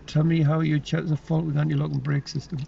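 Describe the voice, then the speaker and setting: A man's voice: fairly high pitch, level tone, fast, gravelly. A man working as a driving instructor, chatting, teasing and giving directions in a casual way from inside a car. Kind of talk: casual instruction during a lesson. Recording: distant, dull, noisy car interior.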